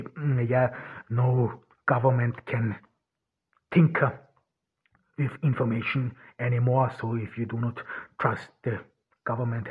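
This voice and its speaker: An Austrian man in his thirties hosts a solo podcast in an Austrian German accent, speaking haltingly with many restarts and fillers. His mid-range voice is husky, and the audio is lo-fi and phone-like.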